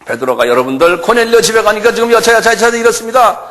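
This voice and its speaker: A male pastor preaching a sermon in a church, animated and full of rhetorical questions. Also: sits high, quick pace. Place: church sanctuary.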